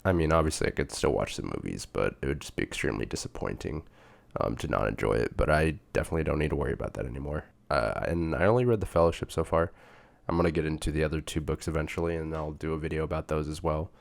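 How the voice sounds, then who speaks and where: Talking fast in a very deep, creaky voice, a young booktube reviewer casually runs through a book review. He's still recovering from being sick, so his voice is a bit off. Expect chatty slang and lots of fillers.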